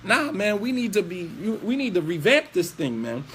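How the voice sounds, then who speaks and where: A man's voice: high voice, big pitch swings, normal speed, a bit bright, slightly rough. A man preaching in a lecture, scolding with rhetorical questions and telling a story, mixing in recited Arabic phrases.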